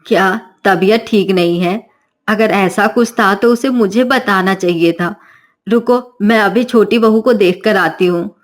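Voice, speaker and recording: A woman's voice: medium pitch, a little slow, close to an everyday voice. A woman voicing a strict middle-aged mother-in-law who scolds and gives orders in a commanding way in a cartoon story. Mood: stern.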